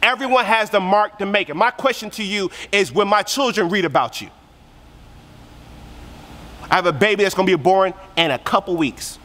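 A man's voice: high voice, normal speed, pauses often, bright, forceful tone, a little hiss or hum. A man preaching a passionate youth sermon, repeating phrases for emphasis. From Korea. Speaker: youth pastor. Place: church hall. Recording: long reverb of a church hall.

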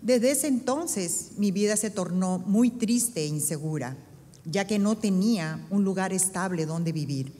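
A middle-aged Peruvian woman with a Peruvian Spanish accent earnestly reads her personal testimony into a stand microphone on a church stage before an audience. Her mid-range voice is animated and dark-toned at a normal speed, and the large church hall adds a long reverb.

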